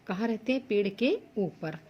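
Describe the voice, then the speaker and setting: A woman's voice: medium pitch, lively intonation, moderate pace, muffled recording. A woman teaching Sanskrit to school students, working through textbook exercises. She reads each Sanskrit word and then explains it plainly in Hindi.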